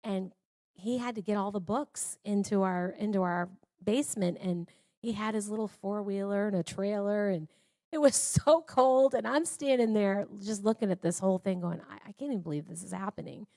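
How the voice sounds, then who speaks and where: Woman, mid-range voice, dry close sound; heartfelt testimony speaker, chatty, shifts from hushed to lively. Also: mid-range voice, moderate pace, dry recording. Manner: earnest, conversational, swings between hushed and excited. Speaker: speaker at a women's church gathering. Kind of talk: personal testimony storytelling. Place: church service.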